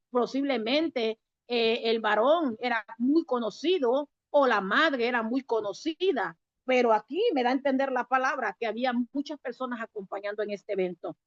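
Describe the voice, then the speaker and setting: A woman's voice: a little high, dry recording. A woman preaching a sermon in a conversational way, talking straight to her listeners and asking them questions. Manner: conversational, direct address with rhetorical questions. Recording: dry, dull lo-fi recording.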